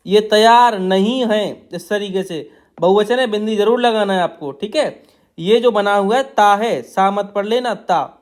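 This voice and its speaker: A man teaching shorthand outlines, explaining each stroke in a patient, repetitive way while drawing on a tablet. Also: high-pitched. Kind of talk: tutorial explaining steno outlines.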